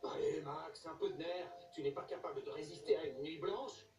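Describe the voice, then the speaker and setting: A woman putting on a deep voice for a teenage boy coaxing his friend out of bed. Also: moderate pace, close to an everyday voice. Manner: coaxing, polite. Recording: echoey, distant, loud music behind.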